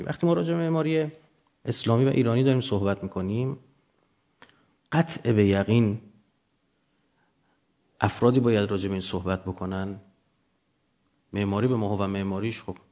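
A man's voice: fairly low pitch, mellow. A man lecturing off the cuff to students, didactic, often posing questions and answering them himself.

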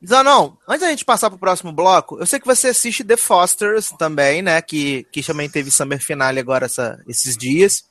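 A man's voice: fairly high pitch, normal speed, few pauses, a bit bright, no room sound, clean studio sound. A Brazilian man hosting a casual chat about TV series in a campy, gossipy way with dramatic slangy exclamations. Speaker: podcast host.

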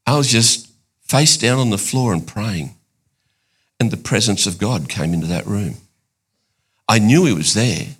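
An older man preaching a sermon, excitable, climbing to high emphatic bursts and then dropping low and intimate. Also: unhurried, long pauses, breathy edge.

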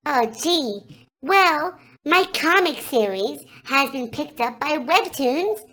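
A man's voice: expressive, heavily acted. A man voicing a chirpy, eager cartoon mascot boy in a comic podcast skit, talking in a bubbly, gushing way. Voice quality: squeaky and bright. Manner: bubbly, gushing, slow and sing-song.

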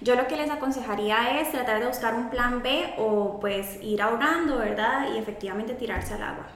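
A woman's voice: a little high, moderate pace, a bit bright. Chatty woman in an echoey room. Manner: chatty storyteller, tags sentences with ¿verdad?. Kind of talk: casual podcast chat. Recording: very echoey room, faint noise.

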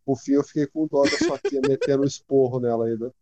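A man in his thirties with a Brazilian Portuguese accent, telling slangy, animated stories as a podcast co-host. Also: medium pitch, fast, highs cut off, a crowd in the background. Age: 30s. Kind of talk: casual chat.

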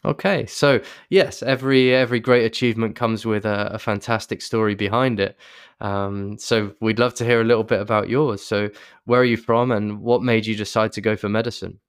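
Male interviewer, low flat voice, smooth and crisp. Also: a little fast, dry recording, studio quality. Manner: encouraging, upbeat prompts. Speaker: interview host. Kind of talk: interview questions.

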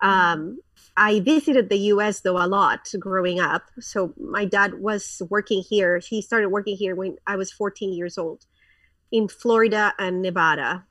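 A woman's voice: medium pitch, unhurried, fairly bright tone, dry recording, far from the mic. A woman in her thirties from Colombia, a pastor, talking frankly as a guest in a casual interview, with lots of fillers and restarts.

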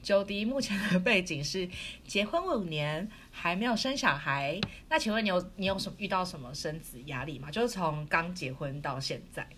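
A young woman with a Taiwanese Mandarin accent, co-hosting a casual podcast and telling stories with animated laughter. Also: fairly low pitch, a little hiss or hum. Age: young adult. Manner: animated, laughing, quick storyteller. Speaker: podcast co-host. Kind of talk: casual chat.

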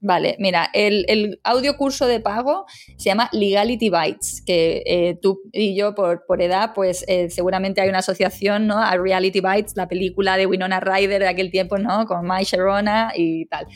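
A woman's voice: mid-range voice, steady tone, normal speed, no room sound. A middle-aged woman, a legal English teacher, chatting casually as an interview guest, full of fillers and tag questions.

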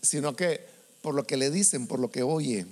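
A man's voice: mid-range voice, moderate pace, darkish tone. A man preaching to a congregation, asking rhetorical questions and acting out the voices he quotes. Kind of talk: sermon to a congregation. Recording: long hall reverb with mains hum.

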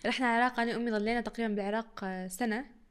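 A young Iraqi woman, a guest on a podcast, races through a casual interview in a clean, high-ish voice with fairly even intonation. She laughs a lot and mixes dialects, her accent combining Syrian and Iraqi Arabic.

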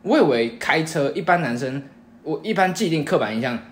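Fast-talking, animated young Taiwanese man. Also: on the high side. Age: young adult. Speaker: podcast co-host. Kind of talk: casual chat. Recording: roomy, echoing indoor sound.

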